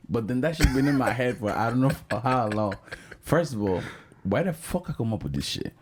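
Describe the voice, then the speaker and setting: A man's voice: mid-range voice, fairly quick, slight background noise. A young man hosting a casual podcast chat, telling profane stories with lots of laughter. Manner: animated, profane storytelling, laughs often. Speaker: podcast host.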